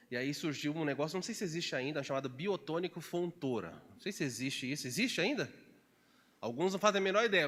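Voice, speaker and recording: A man's voice: a bit bright, big-room sound. A man preaching a sermon as pastor in Brazilian Portuguese, asking the congregation questions and jumping into quoted voices. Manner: acts out quoted voices with sudden pitch jumps; conversational, asks the congregation questions. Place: church hall.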